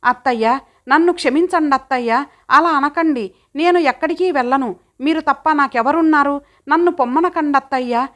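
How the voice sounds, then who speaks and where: Woman reading a sobbing young daughter-in-law, high and pleading. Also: normal speed, a bit bright. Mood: pleading, tearful. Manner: sobbing, begging.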